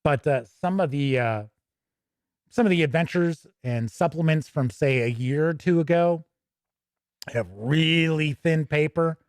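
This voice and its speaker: Reviewing tabletop games in a dry, close-sounding space, a man with a slightly high voice talks conversationally and shares his opinions freely. It's a casual, unscripted product review with passages read aloud, and he often pauses mid-sentence while thinking aloud; the recording is dry.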